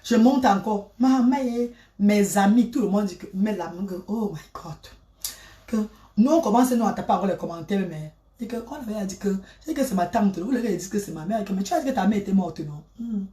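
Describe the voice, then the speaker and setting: A woman's voice: medium pitch, expressive, fairly quick. Dramatic woman. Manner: dramatic, repetitive, swinging between loud and hushed. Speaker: storyteller. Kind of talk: emotional personal storytelling. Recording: roomy, from a distance.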